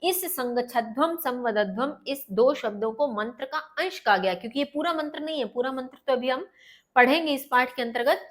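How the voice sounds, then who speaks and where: A woman teaching a textbook lesson, pitched a little high. She goes through it word by word, repeating each gloss in a patient explanatory voice. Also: normal speed. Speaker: Sanskrit teacher.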